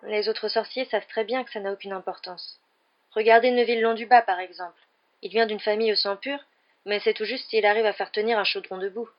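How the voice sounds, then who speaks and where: A woman voicing an indignant twelve-year-old wizard boy in a storybook reading, in a higher, heated voice, with a dull lo-fi sound. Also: steady tone, fairly quick, lightly acted.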